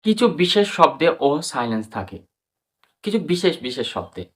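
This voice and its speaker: Bright-voiced Bengali man teaching pronunciation. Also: on the high side, sing-song. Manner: spells words letter by letter and repeats them slowly. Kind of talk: spoken English lesson.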